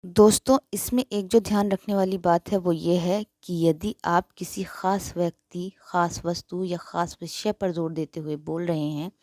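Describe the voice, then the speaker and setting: A woman teaching a grammar lesson to her viewers, explaining slowly and carefully. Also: lowish voice, fairly even intonation, darkish tone, no room sound, clean studio sound.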